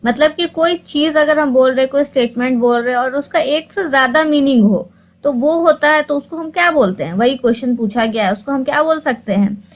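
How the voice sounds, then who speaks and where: A woman teaching English for exams, who asks and answers her own questions, repeats key points, and reads the English options slowly, word by word. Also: sits high, rough recording. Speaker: English teacher for exam prep. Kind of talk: explanatory online lesson.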